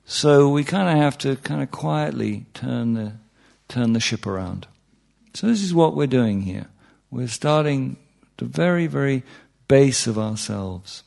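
A man with a mid-range, creaky, darkish voice talks unhurriedly, his intonation lively. As a meditation teacher addressing a group informally, he jokes around and keeps checking in with "yeah?" and "you know."

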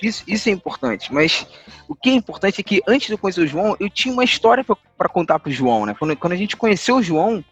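A man's voice: sits high, big pitch swings, quick pace, breathy edge, soft background music. A man telling anecdotes as a podcast guest, rambling and slangy, with frequent tag questions.

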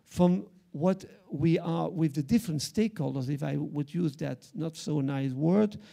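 A middle-aged Belgian man with a Flemish accent, an arts director, offers remarks during a panel discussion. His voice is mellow and gravelly yet sits fairly high, and he speaks haltingly, with many fillers and restarts.

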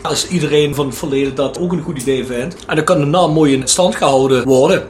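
Male co-host, jokey, brisk sponsor reads, a touch higher voice, faint hiss. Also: darkish tone, reverberant. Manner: joking, teasing, reads plugs briskly. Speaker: podcast co-host. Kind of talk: casual podcast chat and sponsor reads. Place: studio table with guests.

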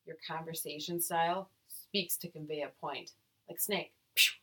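A woman's voice: deep voice, steady tone, moderate pace. A woman co-hosting a podcast, casually reading results aloud with playful, profane jokes in between. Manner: playful, profane, jokey asides. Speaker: podcast co-host.

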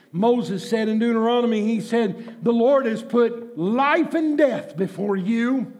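Male pastor, high voice, slow, repetitive and shouting sermon delivery. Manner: preaching with shouted, drawn-out emphasis and repetition. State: out of breath.

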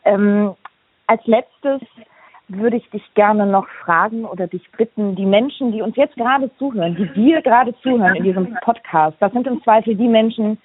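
A woman hosting a remote podcast, asking chatty questions with fillers, heard over a low-quality phone line. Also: moderate pace, slightly rough. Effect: low-quality phone-line sound. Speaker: podcast host.

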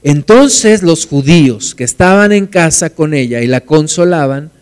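A man preaching a sermon, retelling scripture slowly and deliberately, dropping to soft quiet stresses. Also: a little high, lively intonation, smooth. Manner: storytelling retelling of scripture with acted quotes.

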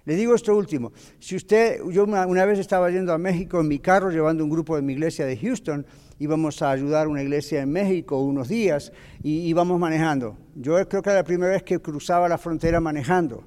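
Pastor guy teaching bible class, slightly high voice, tells stories, asks the room questions, big echoey hall. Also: fast talker. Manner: animated storyteller, asks the audience questions. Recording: long reverb of a hall.

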